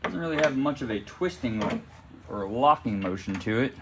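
A man's voice: medium pitch, expressive, moderate pace, noisy background. A young man chatting casually while unboxing and setting up a welder in his garage workshop. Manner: chatty, loose, talks while working with his hands. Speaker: welding hobbyist vlogger. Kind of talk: casual unboxing and how-to talk. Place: garage workshop with concrete floor. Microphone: phone camera held or propped nearby.

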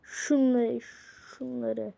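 A young woman, casually chatting and teasing while she voices a chatbot's replies, swinging between loud outbursts and muttering. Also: on the high side, flat delivery, extremely slow, vocal fry, no echo, muffled recording. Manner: playful, teasing, swears often. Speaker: vlogger chatting with an app bot.

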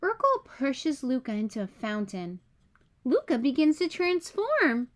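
A woman reading a children's picture book aloud as a storyteller, in clear, simple, expressive storybook delivery. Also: high-pitched, measured pace.

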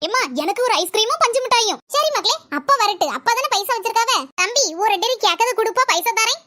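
A woman's voice: very high voice, animated, fast talker, bright, forceful tone, heavily acted. A woman voicing a caring young village mother in a cartoon, with a Kanyakumari Tamil accent and a fussing, affectionate way of talking.

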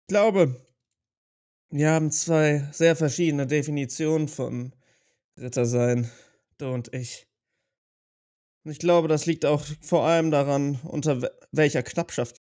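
Male player in character, higher-pitched, reflective, hesitant delivery. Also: fairly even intonation, unhurried, pauses often, a little mellow. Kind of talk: in-character tabletop role-play.

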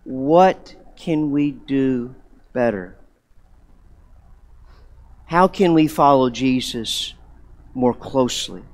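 A man preaching a sermon in a church, emphatic, repeating key words and moving between loud and hushed delivery. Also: mid-range voice, extremely slow, pauses often. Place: church sanctuary. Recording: long hall reverb.

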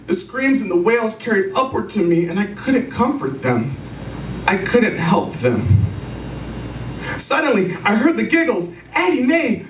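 A man in his thirties performing a spoken word slam poem on a small indoor stage at a stand mic, leaping into a high girlish voice and dropping low and slow. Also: fairly bright tone, slight background noise. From Arizona. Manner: dramatic, leaps high for a girl's voice then drops low and slow. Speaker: slam poet. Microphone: stand mic, filmed from a distant camera. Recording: roomy, distant sound from a far camera.

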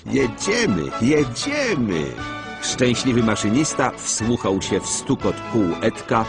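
A man giving scripted, expressive storybook narration for a children's cartoon. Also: lowish voice, unhurried. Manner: expressive, animated reading. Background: background music.

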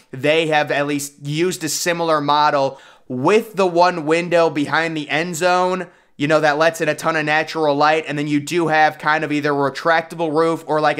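Enthusiastic young man's clear voice-over. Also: on the high side, a bit bright. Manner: enthusiastic, opinionated, conversational with fillers. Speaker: YouTube sports commentator. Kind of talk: casual commentary voice-over.

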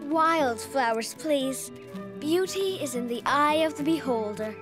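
High-voiced, dreamy earnest young girl. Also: a little slow. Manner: flowery, formal, theatrical wording. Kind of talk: animated series voice acting. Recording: music behind the voice.

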